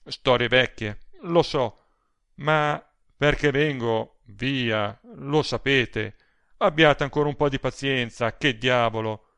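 A male reader voicing an aging gallant gentleman in an audiobook, ironic and emphatic. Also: medium pitch, takes it slowly, clean tone, dry recording.

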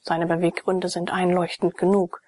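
A woman's voice: fairly low pitch, little pitch movement, moderate pace, darkish tone, close to an everyday voice. A woman reading as an earnest young nobleman.

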